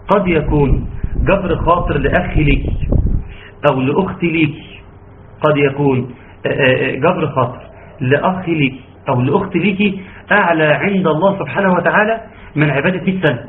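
Higher-voiced egyptian man teaching recitation. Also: slight background noise. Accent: Egyptian Arabic. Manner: drawn-out fillers, slow demonstrations of sounds. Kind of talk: online recitation class. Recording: tinny phone-like line, faint ambience.

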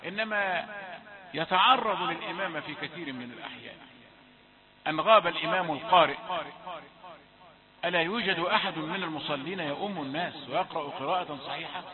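Brief: high-pitched man, recitation teacher, tinny phone-line sound, crowd audible behind. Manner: explains, then chants slow drawn-out examples. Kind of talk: recitation lesson.

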